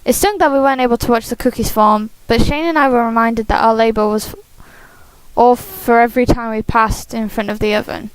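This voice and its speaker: A woman hosting a game playthrough, reading a visual novel aloud expressively with casual asides, animated and giggly. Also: a little high, a little fast, smooth, no room sound, rough recording. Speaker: host of a game playthrough series.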